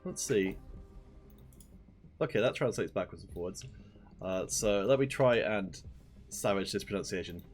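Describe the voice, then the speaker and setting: A man's voice: fairly low pitch, moderate pace, long pauses, faint music behind. A man casting a live esports stream, chatting upbeat and directly to viewers. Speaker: esports caster.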